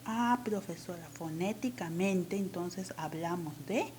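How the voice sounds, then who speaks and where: A woman's voice: lowish voice, a little slow, darkish tone, slight background noise, natural voice. A woman voicing an eager young schoolgirl who keenly asks her teacher questions. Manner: keen, asking the teacher questions.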